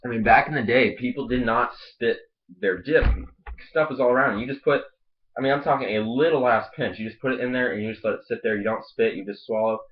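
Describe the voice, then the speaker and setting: A fast-talking man with a medium-pitched voice rambles and swears through a casual product review video while talking around a lip full of dip. The home video audio is dull and lo-fi.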